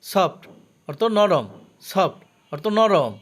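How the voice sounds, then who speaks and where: Teacher guy, fairly high voice, says each word twice, careful and slow. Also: animated, breathy edge. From Bangladesh. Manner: slow, careful drill with pronunciation notes. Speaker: English teacher. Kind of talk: vocabulary lesson, repeating each word twice.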